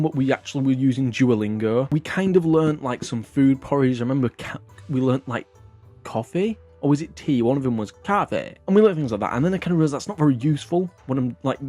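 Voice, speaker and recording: A man's voice: mid-range voice, darkish tone. A man hosting a casual comedic vlog, rambling and self-mocking, swearing often. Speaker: vlog host.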